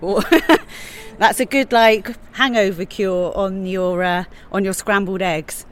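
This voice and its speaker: A woman chef chatting casually outdoors as a podcast guest, lively and prone to laughing. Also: medium pitch, takes it slowly, a little hiss or hum. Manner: chatty, animated, with frequent laughs. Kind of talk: casual chat. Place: outdoors on church steps.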